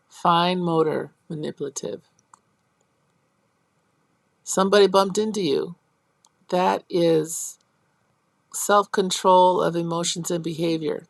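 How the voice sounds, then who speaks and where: Her voice gravelly and the recording dry, a female instructor delivers a college lecture on early childhood teaching. She explains things step by step, checks in with her class, and performs teacher and child lines in a high, animated voice.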